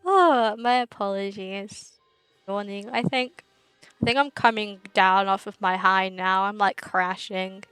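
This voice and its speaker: A woman's voice: medium pitch, unhurried, a bit bright, clear, resonant tone, no room sound, faint music behind, poor audio. A young woman livestreaming and chatting casually with viewers, giggly and rambling, often laughing mid-sentence.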